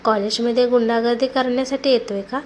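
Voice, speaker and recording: A woman's voice: on the high side, steady tone, fairly quick, darkish tone, a little hiss or hum, close to an everyday voice. Woman reading a fearless young newcomer girl. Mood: furious. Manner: blunt, fiery when provoked.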